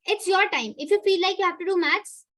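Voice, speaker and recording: The voice is extremely high, a bit bright, and a little fast: a young online teacher with an Indian English accent. She's motivating her students in a live class with a chatty pep talk, punctuated by "right?" checks.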